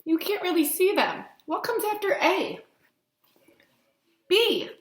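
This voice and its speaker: A woman in her thirties reads aloud to young children as their teacher, her voice very high-pitched, very animated and slow. She explains things simply, asks the listeners frequent questions, and stresses key words and letter names in this read-along lesson. The webcam sound is roomy and echoey, from a small plain-walled room indoors.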